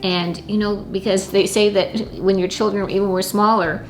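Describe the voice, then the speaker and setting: A middle-aged woman chatting casually as a guest, with mild, halting, hesitant phrasing. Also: mid-range voice, steady tone, low-quality recording. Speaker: host's mother, guest. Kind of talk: casual chat.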